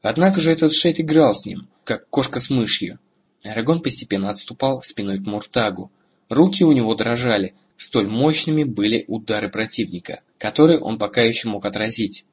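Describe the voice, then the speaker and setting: Husky male audiobook narrator. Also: medium pitch, animated, a little fast, highs cut off. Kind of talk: scripted narration.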